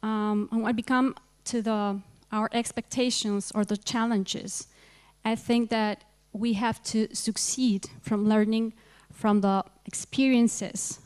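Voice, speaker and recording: A woman introduces herself to a panel in careful, pausing English. Her voice is smooth and clear and stays fairly level. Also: fairly high pitch, fairly even intonation, a little mellow. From Colombia. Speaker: panel member, lawyer. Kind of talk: formal self-introduction at a ministerial meeting.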